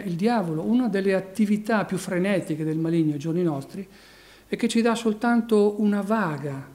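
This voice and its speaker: A man from Italy delivers a sermon in a high-pitched voice. He preaches emphatically, swelling loud on key phrases and sinking low after them.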